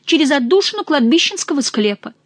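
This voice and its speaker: A woman's voice: high-pitched, big pitch swings, fairly quick, dry recording, pitched above the performer's own voice. A fat, cowardly male monk pleads and wails in a raised, strained voice, as a woman reading a storybook puts him on. The recording is dry and close. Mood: pleading. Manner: wailing, pleading.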